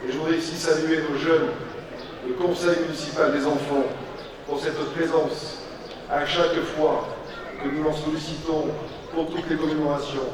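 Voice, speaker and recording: A man giving a solemn, declamatory rally-style ceremonial speech as a public official, in short measured phrases. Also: fairly high pitch, little pitch movement. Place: public commemoration ceremony with audience. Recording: echoey public address, distant mic, crowd.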